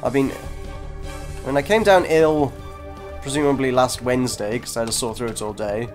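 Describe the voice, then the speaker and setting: Into a desk microphone, a man with a head cold offers casual gameplay commentary at a moderate pace in a mid-range voice. His chat is self-deprecating and trails off mid-sentence, with soft music playing behind him.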